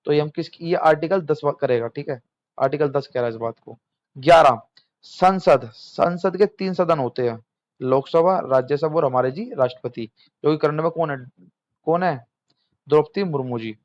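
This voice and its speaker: A man's voice: on the high side, moderate pace, darkish tone, no echo, dull audio. A young man teaching exam material in a casual lecture, chatty, quizzing students and answering himself.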